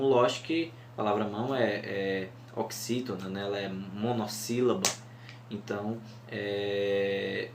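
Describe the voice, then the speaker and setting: A man with a Northeastern Brazilian accent teaching a lesson on cordel poetry, patiently explaining and slowly scanning verse syllables aloud. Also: medium pitch, a bit bright. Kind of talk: mini-course lesson. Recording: echoey room, faint hum.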